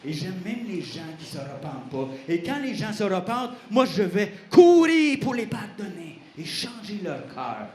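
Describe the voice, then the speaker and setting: A man voicing God in a lower, calm, gently firm tone. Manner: slow, soothing, gently firm. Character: patient, calm God, deep male voice. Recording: roomy hall, faint noise.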